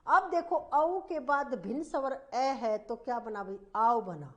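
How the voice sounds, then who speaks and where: A woman teacher giving a slow, repetitive grammar lesson, asking the class questions as she explains. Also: fairly high pitch, sing-song. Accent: Hindi.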